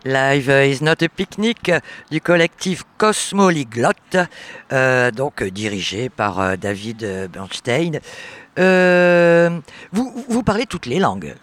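A man's voice: medium pitch, expressive, takes it slowly, fairly bright tone. A man hosting a radio interview who asks polite questions, with some fillers.

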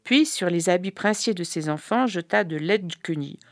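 A woman reading a folk tale aloud in a calm, measured way. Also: on the low side, no echo, studio quality. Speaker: storyteller.

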